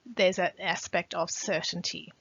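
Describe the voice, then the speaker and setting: Slow-paced woman teaching a poetry lesson. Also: on the low side, fairly even intonation, fairly bright tone, no room sound. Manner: slow, pausing often with "um", reading quoted lines with more force. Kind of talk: poetry lesson with read-aloud quotes. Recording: dull, slightly muffled recording.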